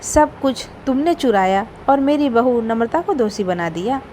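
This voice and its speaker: A woman's voice: on the high side, expressive, normal speed, mellow, slight background noise, lightly acted. A woman voicing a stern middle-aged mother-in-law who scolds and suspects her daughters-in-law. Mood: accusing. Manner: scolding, suspicious.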